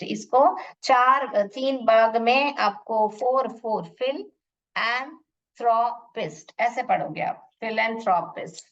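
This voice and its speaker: A woman teaching an English lesson to schoolchildren. She explains each word, asks questions and answers them herself, and sounds out pronunciation slowly. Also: on the high side, a bit bright. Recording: dull lo-fi audio from a distance.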